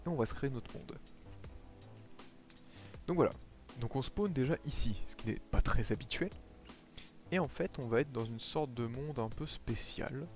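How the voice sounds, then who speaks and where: A man livestreams a game, chatting casually with viewers and explaining his play, using lots of fillers. His medium-pitched voice moves at a moderate pace with frequent pauses, and faint music plays behind him.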